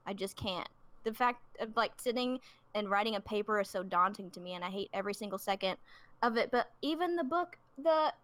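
A woman's voice: medium pitch, animated, a little fast, fairly bright tone, dry recording. A woman in her twenties, co-hosting a true crime podcast, chatting casually with lots of fillers and some swearing. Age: 20s. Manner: chatty, filler-heavy, swearing, self-deprecating. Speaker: podcast co-host telling a true crime story. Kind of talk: casual podcast chat and storytelling.

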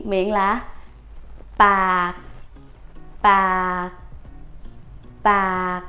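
A young woman teaching a vocabulary lesson online, repeating each word several times for learners to practise. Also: mid-range voice. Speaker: language teacher.

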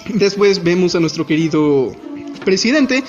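A man co-hosting a podcast, recapping an anime episode in animated, rambling casual chat. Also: high voice, a little slow. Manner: animated, rambling, self-deprecating. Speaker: podcast co-host. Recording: slightly dull podcast audio with faint music.

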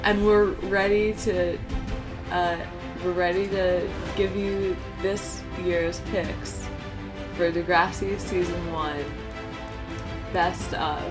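A woman's voice: on the low side, fairly even intonation, slow pace, over music. A woman co-hosting a podcast, chatting playfully and laughing easily. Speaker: podcast co-host. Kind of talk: casual chat.

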